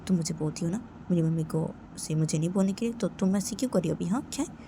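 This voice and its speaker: A woman voicing a gentle young woman who soothes her partner in a soft, coaxing voice that drops near a whisper, in a homemade storytelling video. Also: on the low side, fast talker, noisy background, close to an everyday voice. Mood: soothing.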